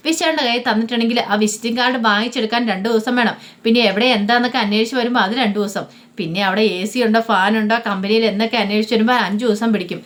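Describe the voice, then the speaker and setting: A woman's voice: a little high, racing, natural voice. A woman reading out the lines of a middle-aged man who wryly teases a lazy relative. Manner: wry, teasing.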